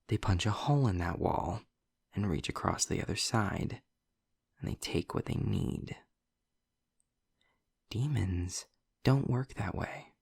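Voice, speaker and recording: In a scripted audio roleplay monologue addressed to the listener, a man plays a sarcastic, snarky demon who is articulate and testy. His voice is gravelly, breathy and fairly low, delivered wryly in formal wording with deliberate pauses. The clean studio recording has no room sound, and the performance is heavily acted.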